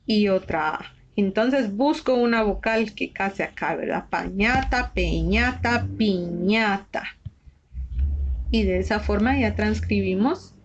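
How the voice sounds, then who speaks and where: A woman teaching a shorthand lesson, patiently spelling out letters one by one. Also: on the high side. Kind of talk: slow step-by-step lesson. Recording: slightly dull lo-fi recording.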